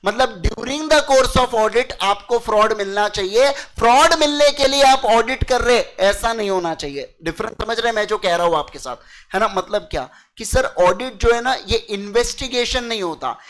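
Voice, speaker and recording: A man's voice: high-pitched, moderate pace, fairly bright tone, low-quality recording. A young man giving a chatty lecture to students. He mixes in English terms and keeps checking that they understand. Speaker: teacher. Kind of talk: casual classroom lecture.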